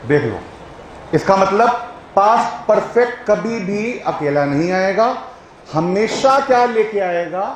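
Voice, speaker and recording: A man's voice: sits high, animated, slow, echoey room, slight background noise, rough recording. A male teacher giving a classroom grammar lecture, who keeps checking whether his students follow and coaxes them along.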